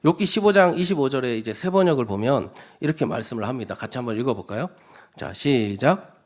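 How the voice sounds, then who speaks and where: A man's voice: medium pitch, lively intonation, fast. A man preaching a sermon to his congregation in a conversational way, often asking the listeners questions and acting out quoted speech with emphasis. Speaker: church evangelist preaching.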